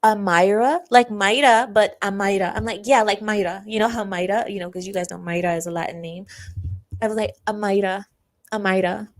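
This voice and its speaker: A young female livestream host briskly tells a personal story in a mid-range voice with fairly even intonation. She chats freely, laughs often, reads out chat comments and acts out what her classmates said.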